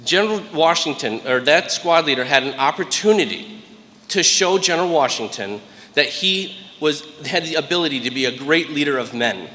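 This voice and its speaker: American man, late 30s, forceful bright voice, earnest commencement speaker, reverberant hall. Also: a little high, animated, normal speed. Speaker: guest graduation speaker, military master sergeant. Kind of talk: motivational commencement speech with storytelling. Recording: echoey hall, long reverb over PA.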